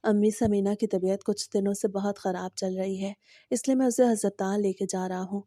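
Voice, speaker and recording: Gentle devoted young husband, woman reading him, real mellow dark voice. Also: mid-range voice, steady tone, no room sound, clean studio sound, natural voice. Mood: concerned. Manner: gentle, patient pleading.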